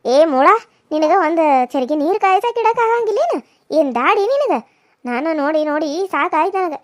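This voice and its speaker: A woman's voice: very high-pitched, expressive, no echo, studio quality. Woman voicing a harsh mother-in-law. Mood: commanding. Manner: scolding, insulting, drawn-out taunts. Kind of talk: cartoon voice acting.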